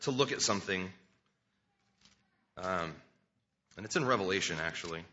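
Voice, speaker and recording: Male preacher, sermon with scripture reading, tense bright tone, conversational and earnest, muffled low-fi sound. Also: lively intonation, normal speed. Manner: earnest, conversational, repeats words as he restarts.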